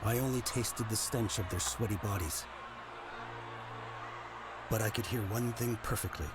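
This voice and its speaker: A man's voice: lowish voice, moderate pace, very noisy, lightly acted. An actor playing a brooding revolutionary judge, narrating his thoughts solemnly in a video game cutscene. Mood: brooding, ominous. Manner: solemn, portentous. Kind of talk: dramatic scripted narration. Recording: loud cutscene music over voice. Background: loud game music.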